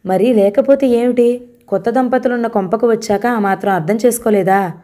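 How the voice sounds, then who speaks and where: A woman's voice: fairly high pitch, normal speed, warm tone, natural voice. A woman voicing a curt, teasing young husband in a novel reading. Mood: grumbling. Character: grumbling young husband, office-bound.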